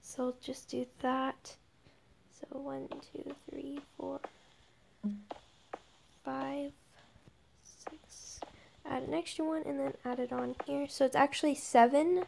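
A young woman narrates her game building slowly in a high, creaky voice with flat delivery and frequent pauses. As a gaming video creator, she thinks aloud and often murmurs to herself, recorded at home amid noise and clicks.

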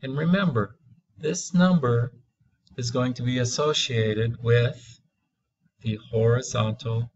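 A man teaching a math lesson, walking through graphs slowly and deliberately, stretching key words for emphasis. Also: mid-range voice, a little mellow, dull audio.

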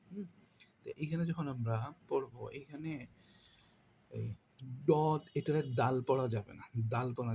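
Guy teaching tajweed, dark gravelly voice, keeps repeating stuff, bit of background hiss. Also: mid-range voice. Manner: repetitive drilling, asks and answers his own questions. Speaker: Quran recitation teacher. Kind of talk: tajweed lesson.

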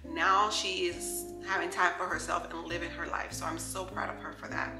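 A woman's voice: lowish voice, level tone, normal speed. A woman in her thirties from New York, chatting casually to camera in her home kitchen as a lifestyle vlogger, upbeat and talking straight to her viewers. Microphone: camera close on the counter. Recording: echoey kitchen with faint music.

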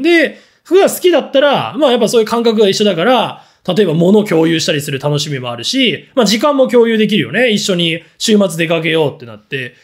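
A man hosting a casual solo talk show, answering listener questions in a blunt, rambling way with lots of fillers. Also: high-pitched. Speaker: fashion talk show host.

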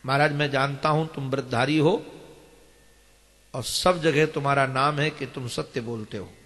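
A man, a swami giving a devotional sermon, who tells the story plainly to his listeners and chants the verses slowly. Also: medium pitch, fairly even intonation, fairly bright tone, long reverb tail. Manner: addresses listeners directly, teacherly. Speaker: swami giving scripture discourse.

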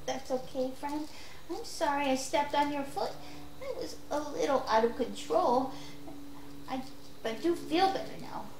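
A performer voicing an excitable puppet kid in a children's social-skills puppet show, gushing and stammering over his words. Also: sits high, measured pace, roomy sound, slight background noise. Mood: calm, apologetic. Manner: gushing, repeats himself, stammers when excited.

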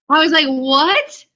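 A woman comedian telling an anecdote on a panel, animated and acting out the quotes. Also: mid-range voice. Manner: animated storyteller, acts out quotes. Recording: dull lo-fi audio.

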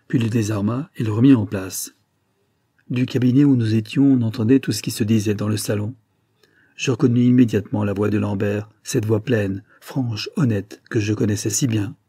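Low, husky male audiobook reader. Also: warm tone, no echo, clean studio sound. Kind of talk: literary narration.

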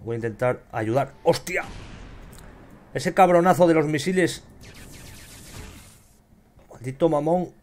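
A young man with a Spain Spanish accent commenting on his gameplay, excitable and swearing often as he shouts at enemies. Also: a little high, unhurried, pauses often. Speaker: gamer.

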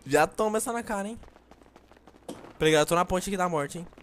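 A man with a Brazilian Portuguese accent, chatting excitedly with friends while gaming and often laughing and yelling. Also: sits high, brisk, slight background noise. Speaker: gamer playing with friends. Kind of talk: casual gaming chat.

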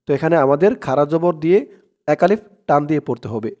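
A man's voice: on the high side, expressive, fast, a little mellow. A man teaching prayer recitation, spelling it out syllable by syllable and drawing out the Arabic words. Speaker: Quran teacher.

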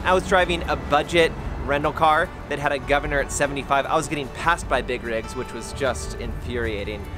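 A man in his thirties, a photographer talking casually in a vlog in a relaxed, rambling way, often adding "like" as an aside. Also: medium pitch, fairly quick. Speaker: photographer vlogger. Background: loud background music.

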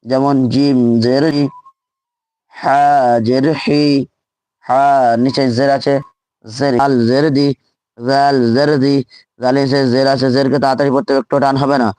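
A man's voice: medium pitch, level tone, unhurried, long pauses, darkish tone, no room sound. A man teaching Quran reading in a live online lesson, drilling letters and syllables aloud and repeating each one patiently.

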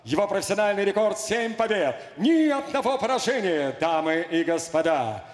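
An older man working as a ring announcer, formally and theatrically announcing a fight with drawn-out shouts. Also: sits high, sing-song. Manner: grand, theatrical, building to shouts. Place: cage in a large indoor arena. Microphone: handheld microphone. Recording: echoey arena PA with long reverb.

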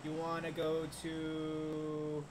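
A man's voice: on the high side, drawn-out words. A man playing a shooter game with a friend, chatting casually, swearing and laughing, muttering to himself while looting. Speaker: game streamer. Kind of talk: casual gaming chat. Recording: steady background noise.

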